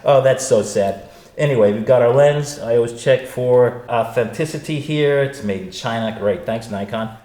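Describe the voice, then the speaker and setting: A man's voice: mid-range voice, normal speed, mellow. An older American man hosting a casual unboxing, chatting with wry, grumbling asides, recorded in a big echoey room. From United States. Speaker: host. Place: large echoey room, not his usual studio. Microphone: studio mics set up nearby. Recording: echoey room with faint noise.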